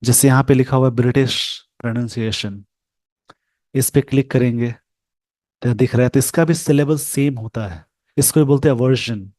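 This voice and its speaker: A man teaching English pronunciation over a screen share, speaking slowly and carefully and repeating sounds for his learners. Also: mid-range voice, fairly even intonation, warm tone, no room sound.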